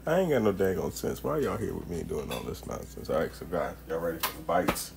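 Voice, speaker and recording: A man's voice: sits low, sing-song, fairly quick, vocal fry, heavy background noise. A man streaming live as he cooks and eats, chatting playfully with viewers and humming over his food. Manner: playful, talks to chat, hums while eating. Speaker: home cook streaming live. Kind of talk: casual live-stream chat. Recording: kitchen clatter of dishes and cutlery. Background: clinking dishes, pots and pans.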